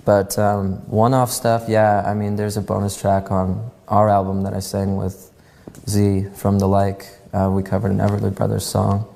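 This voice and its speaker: A man with a low, gravelly voice and a dark, mellow tone, answering interview questions in a loose, relaxed way. He hesitates often with ums and pauses. The sound carries a long reverb. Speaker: musician interviewee.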